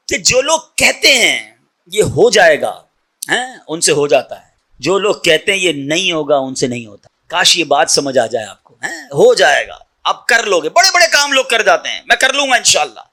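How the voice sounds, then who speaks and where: Bright, lively preacher man. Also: sits high. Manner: emotive storytelling, swings between loud and hushed. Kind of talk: sermon.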